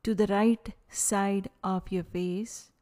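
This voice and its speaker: Long pauses separate the short phrases of a woman guiding yoga nidra. Her mid-range voice stays calm and soothing throughout.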